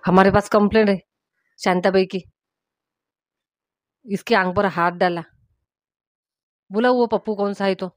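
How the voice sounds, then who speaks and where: A woman's voice: mid-range voice, steady tone, measured pace, long pauses, no room sound, close to an everyday voice. A woman playing a curt, commanding male police officer in a village comedy skit. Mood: stern. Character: gruff male police inspector.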